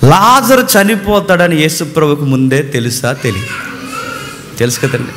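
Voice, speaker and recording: A man preaching a sermon in an animated way, asking his listeners questions and answering them himself. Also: mid-range voice, long reverb tail, slight background noise.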